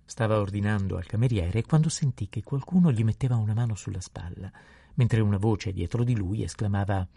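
A man reads a novel aloud in a calm, unhurried narration. His voice is low, dark and gravelly with a husky edge. The sound is dry and close. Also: no echo. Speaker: audiobook narrator.

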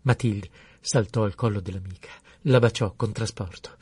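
A man reading a story aloud in a measured, expressive way. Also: lowish voice, husky, no room sound. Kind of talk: scripted story narration.

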